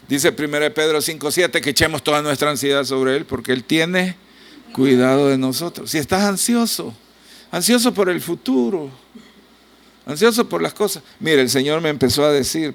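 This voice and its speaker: A man with a Salvadoran accent preaching a sermon, gravelly-voiced, swinging between soft asides and loud emphatic lines as he acts out biblical voices. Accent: Salvadoran Spanish. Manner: preaching with wide swings in loudness and pitch, acting out biblical voices. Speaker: pastor.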